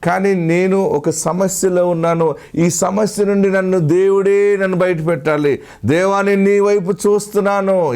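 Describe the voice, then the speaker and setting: A man with a Telugu accent preaching a sermon as pastor, slow and emphatic, sometimes dropping to a low, hushed voice.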